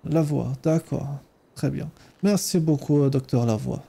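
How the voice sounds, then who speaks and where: A man's voice: mid-range voice, monotone, takes it slowly, mellow, lightly acted. A man playing a polite Ukrainian immigrant taxi driver who speaks broken French with a put-on accent. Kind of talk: role-play in a game.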